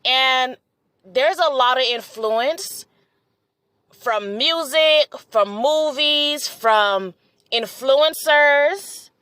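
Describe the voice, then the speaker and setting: Young woman, blunt and profane, casual vlog monologue, higher voice, dry close sound. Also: extremely slow, pushed and bright, no room sound. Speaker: vlog host. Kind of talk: casual opinion monologue to camera.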